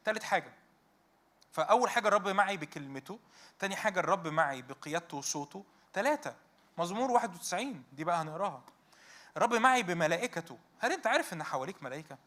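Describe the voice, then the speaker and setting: Rapid, bright-voiced Egyptian preacher. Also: male voice, high voice. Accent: Egyptian Arabic. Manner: animated, fires rhetorical questions at the audience. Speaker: youth meeting speaker. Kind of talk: conversational sermon.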